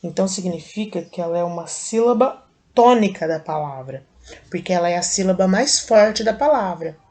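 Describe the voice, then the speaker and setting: A Brazilian woman teacher with a Brazilian Portuguese accent, slowly and patiently explaining a lesson step by step to young children. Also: on the low side, expressive, darkish tone. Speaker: primary school teacher. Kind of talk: recorded video lesson for children.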